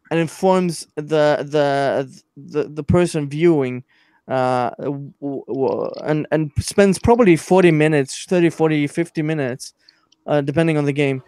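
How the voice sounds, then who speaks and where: Halting male stream host, smooth dry voice. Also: on the high side, a little mellow, no echo. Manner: halting, many fillers and restarts. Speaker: podcast host. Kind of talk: casual online stream chat.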